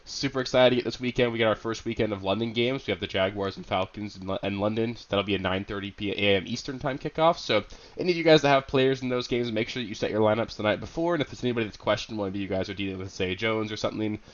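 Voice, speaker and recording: A man's voice: lowish voice, fast. A young man with a head cold and a slightly nasal voice, chatting upbeat and informally as a fantasy football analyst, with plenty of fillers. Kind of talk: casual video commentary. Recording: dull lo-fi sound.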